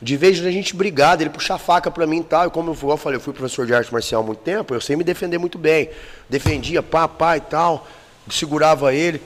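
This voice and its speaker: Brazilian guy venting his story on a podcast, swears a lot, kinda high voice, reverby. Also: fast. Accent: Brazilian Portuguese. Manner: blunt, emotional, profane storytelling. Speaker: guest telling his life story. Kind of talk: casual podcast chat.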